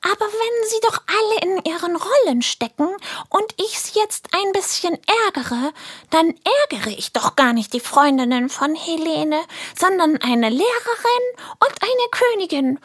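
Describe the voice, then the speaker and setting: Woman doing a squeaky sly little prankster sprite. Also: lively intonation, measured pace, fairly bright tone, no echo, clean studio sound, full character voice. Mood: scheming. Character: small mischievous male prankster sprite.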